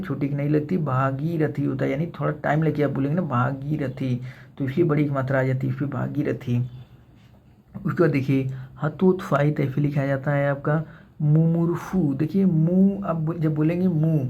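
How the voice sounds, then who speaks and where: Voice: medium pitch, darkish tone. A teacher giving an exam-prep grammar lesson, repeating each word and checking in with the listeners. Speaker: Hindi teacher for exam preparation. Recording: dull lo-fi sound.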